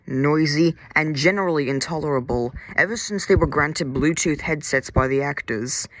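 A man narrating a comic toy-train story in a deadpan, wry manner. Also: on the high side, dry recording, low-quality recording. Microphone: phone.

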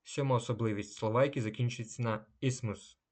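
A man giving a slow language lesson. He says each German word a little louder, then gives its translation. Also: medium pitch, fairly even intonation. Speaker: German teacher.

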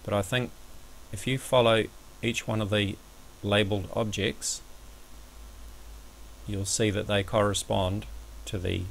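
A man giving a measured, somewhat hesitant step-by-step explanatory commentary over a screen recording, as an amateur astronomy presenter. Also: on the low side, steady tone, vocal fry, a little hiss or hum, low-quality recording.

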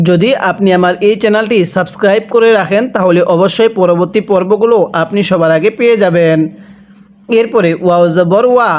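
A man with a Bangladeshi Bengali accent teaching Quran reading, spelling out letters and vowel marks slowly and asking listeners to repeat after him. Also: sits high. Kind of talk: slow spelled-out Quran recitation lesson.

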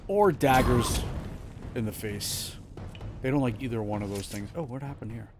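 A man with a mid-range voice, speaking at normal speed, streams a game and talks casually to himself as he explores and fights. Game music plays behind his live commentary.

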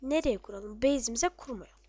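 A woman giving casual, excitable commentary on her own gameplay, muttering to herself and shouting at enemies. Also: on the high side, moderate pace, no room sound.

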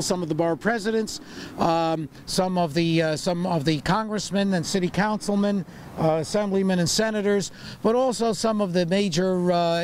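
An older man with a high, slightly mellow voice leads an outdoor walking tour as a tour guide and borough historian, rambling with lots of fillers and wry puns. He's on a city sidewalk in winter using a handheld microphone, though the far camera mic picks up street noise.

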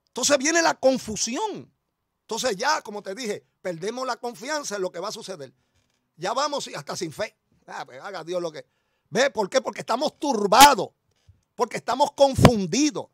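Middle-aged Puerto Rican male pastor, high voice, animated storytelling sermon, dry sound. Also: slightly rough, no room sound. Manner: animated storytelling preacher, chuckles, addresses congregation as brother.

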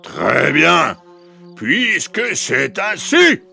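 A man voicing a sly, menacing big bad wolf in a children's storybook, drawn-out and gravelly, over music. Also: on the high side, wildly swooping pitch, pushed and bright, voice pushed up, heavily acted. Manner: slow, drawn-out, wheedling then threatening. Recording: music playing underneath.

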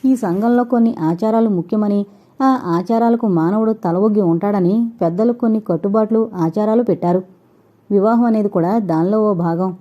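A woman voicing an earnest young man who calmly reasons and pleads his love, read as an audiobook character. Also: mid-range voice, moderate pace, natural voice. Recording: dull lo-fi recording.

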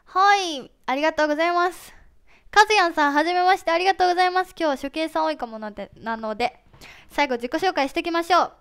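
A woman's voice: extremely high pitch, quick pace, a bit bright. A woman hosting a casual idol livestream, chirpily reading out fan names and thanking them.

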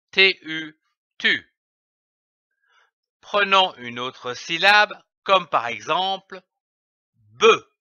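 Man spelling syllables very slowly. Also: on the high side, bright, forceful tone, no room sound, highs cut off. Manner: spells out letters and syllables slowly, stressing each sound. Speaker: reading teacher. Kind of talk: slow, carefully enunciated reading lesson.

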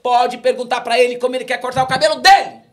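A man with a Brazilian Portuguese accent, a pastor, acting out the commanding voice of God in his testimony, loud and firm. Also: high voice, moderate pace. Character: commanding divine voice of God speaking to a believer.

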